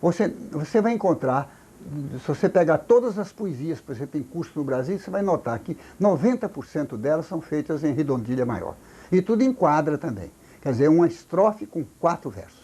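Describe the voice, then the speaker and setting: An older man from Brazil with a Brazilian Portuguese accent, a folklorist explaining things slowly in an interview, halting with many repeated words and restarts. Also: fairly high pitch, very animated, dark tone, husky. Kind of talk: recorded oral history interview.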